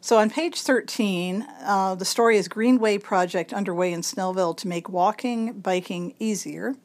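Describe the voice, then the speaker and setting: A volunteer reader for a local magazine, a woman with a medium-pitched, raspy, congested voice, reads an article aloud. She goes slowly and enunciates each word with care for listeners who cannot read the page.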